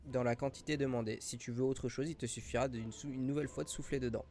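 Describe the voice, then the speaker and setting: A man's voice: mid-range voice, fairly even intonation, fast talker, warm tone, lightly acted. A man acts out an enchanted horn of plenty, a cavernous summoned spirit in a fantasy tabletop game. It speaks solemnly and literally, exacting with whoever calls on it, with music behind. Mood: matter-of-fact, exacting. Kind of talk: tabletop game role-play.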